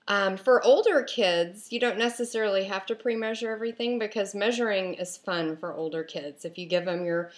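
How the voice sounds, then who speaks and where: A woman in her thirties giving practical tips in a casual vlog from her home kitchen, chatty and full of "um" and "you know", recorded on a webcam. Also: lowish voice. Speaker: vlogger and mother. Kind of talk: casual talking-head vlog. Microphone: webcam at arm's length.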